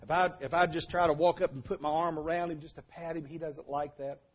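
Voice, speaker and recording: Older preacher guy, high voice, tells stories then gets loud. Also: fairly even intonation, quick pace, breathy edge. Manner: storytelling, builds to shouting at climaxes. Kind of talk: sermon.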